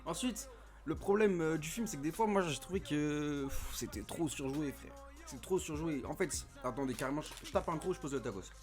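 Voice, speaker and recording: A young man gives a casual, comedic film review at home, recording into a desk mic with streaming software. His fairly high voice is animated and a little fast, full of street slang, swearing and rambling hesitations, and music plays underneath.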